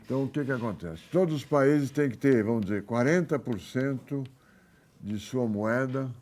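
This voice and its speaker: An economics professor with a Brazilian accent lectures at university in an informal, halting way, thinking aloud and correcting himself as he works through examples. His voice is mid-range with a darkish tone.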